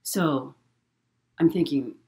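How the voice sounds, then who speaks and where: A middle-aged woman telling a personal story in a halting way, repeating words and using many fillers. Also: sits low, dark tone. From Hawaii. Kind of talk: casual spoken storytelling.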